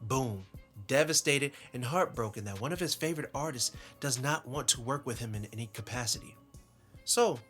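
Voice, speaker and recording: A man telling a story in a casual vlog, rambling and chatty, with animated asides. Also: mid-range voice. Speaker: YouTuber.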